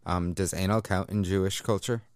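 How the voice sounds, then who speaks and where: A man's voice: deep voice, fairly even intonation, normal speed, a little mellow, no room sound, clean studio sound. A man in a casual chat, asking playful, teasing questions.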